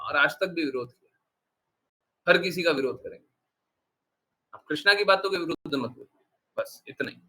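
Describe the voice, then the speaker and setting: A man's voice: fairly high pitch, bright, forceful tone, poor audio. A man giving an earnest devotional discourse as a spiritual teacher, asking his listeners rhetorical questions and mixing English words into his speech.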